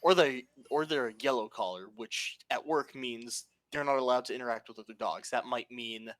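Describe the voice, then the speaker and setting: A man telling stories in casual podcast chat, animated and profane. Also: medium pitch, moderate pace, dry recording, studio quality. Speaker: podcast co-host.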